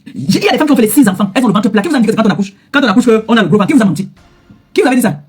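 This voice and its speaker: A middle-aged influencer speaks straight to camera in an angry, confrontational rant, hammering the same heated retorts over and over. Her voice sits on the high side, animated and racing, a little mellow and slightly rough, with faint music behind.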